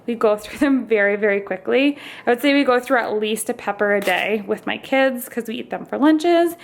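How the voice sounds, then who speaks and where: A woman's voice: on the high side, moderate pace, creaky, a little hiss or hum. A young woman casually talking through her grocery haul as a vlogger, chatty and upbeat, a little out of breath. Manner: chatty, upbeat, lists items with fillers like "like" and "um". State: slightly out of breath.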